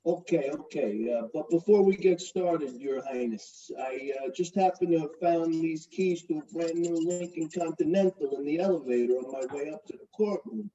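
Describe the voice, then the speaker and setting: An actor playing a brash, crude, middle-aged mobster-type fiancé who swaggers and wisecracks in a comedy courtroom sketch. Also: male voice, a little high, normal speed, hardly any pauses, warm tone, distant mic, highs cut off, lightly acted. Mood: swaggering. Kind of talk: comedic courtroom parody acting.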